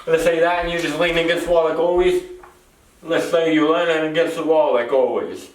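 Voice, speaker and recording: A man's voice: a little high, fairly even intonation, normal speed. Man rambling in an echoey warehouse. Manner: rambling, repeats phrases, self-correcting. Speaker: presenter. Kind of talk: improvised explainer skit. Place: large echoing warehouse. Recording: echoey warehouse, distant mic, faint noise.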